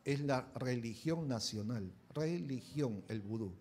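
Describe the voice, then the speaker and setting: A man's voice: medium pitch, animated, slow pace, darkish tone, a little hiss or hum. A pastor preaching a conversational sermon, often checking in with his listeners with short tag questions.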